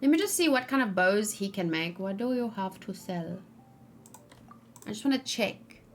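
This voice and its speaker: The host of this game stream is a woman with an expressive, medium-pitched voice and a moderate pace. She thinks aloud in casual conversation and mutters to herself often. Background noise, keyboard typing, and mouse clicking make the recording noisy.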